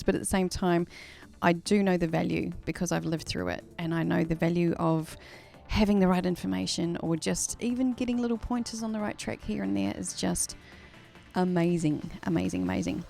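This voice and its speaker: Earnest woman with a gravelly edge. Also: on the low side, darkish tone. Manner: earnest, repeats words and restarts often. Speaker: musician hosting a livestream. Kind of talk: casual livestream talk to viewers.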